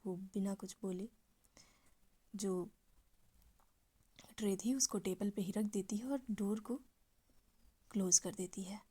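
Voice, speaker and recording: Mellow chatty woman storyteller. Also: mid-range voice, steady tone, slow, pauses often, breathy edge. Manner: chatty, often drops to a soft near-whisper. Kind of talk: casual storytelling narration.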